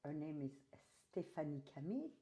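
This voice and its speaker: A woman hosting an interview, chatty and a little halting, with non-native phrasing. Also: sits low, very animated, mellow, lo-fi sound. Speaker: host. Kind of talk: casual interview conversation.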